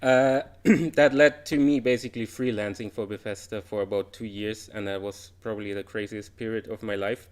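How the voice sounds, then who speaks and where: With a smooth, medium-pitched voice that is slightly mellow, a German man chats through an informal conference presentation on his game development career. He leans on frequent "uh" fillers and laughs lightly now and then.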